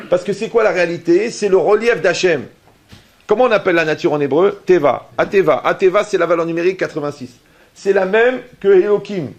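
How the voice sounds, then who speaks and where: Gravelly-voiced rabbi preaching with humor. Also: male voice, fairly high pitch. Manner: lively storytelling with acted dialogue and jokes; often asks the audience if they follow. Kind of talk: sermon.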